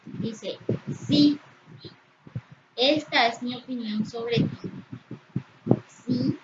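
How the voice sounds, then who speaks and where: Slow, careful woman teacher, echoey lo-fi. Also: fairly high pitch. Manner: slow, careful, stresses syllables to demonstrate. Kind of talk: spelling lesson. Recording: echoey, muffled, noisy lo-fi.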